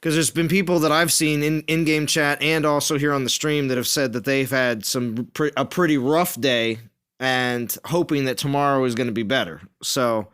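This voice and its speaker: A man's voice: medium pitch, fairly even intonation, moderate pace, fairly bright tone, clean tone. A man hosting a live gaming stream in casual, chatty talk. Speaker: stream host.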